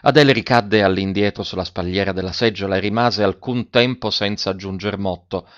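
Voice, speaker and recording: Low-voiced man reading an audiobook. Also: a little fast, highs cut off. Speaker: narrator.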